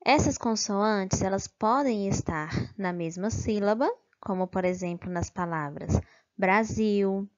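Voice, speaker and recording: A woman teacher giving a slow, careful grammar review lesson, stressing syllables and checking in with "ok?". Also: medium pitch. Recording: dull lo-fi recording.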